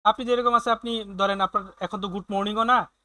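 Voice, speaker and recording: A man teaching German in an online class, explaining slowly with many fillers and often checking in with his students. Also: sits high, fairly even intonation, bright, forceful tone, clean tone, no room sound.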